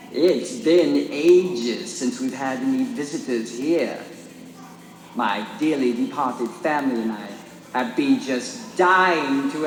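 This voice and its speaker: A man voicing a sinister, genteel ghost who hosts a haunted manor, heard as a prerecorded sound effect played through small speakers. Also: mid-range voice. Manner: slow, theatrical, mock-polite welcome with a trailing cackle. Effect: prerecorded sound effect played back through small speakers. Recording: echoey, reverberant playback heard from a distance.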